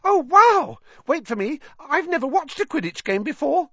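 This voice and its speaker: A man's voice: very high-pitched, big pitch swings, fairly bright tone, no room sound, lo-fi sound, voice pushed up, heavily acted. A breathless, eager boy fan. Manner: breathless, gushing, rapid questions.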